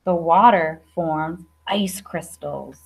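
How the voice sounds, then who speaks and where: This primary school teacher, a woman of about thirty, speaks low and slow with vocal fry and a breathy edge. She's reading aloud to young children in an indoor classroom, pronouncing words carefully and adding chatty questions.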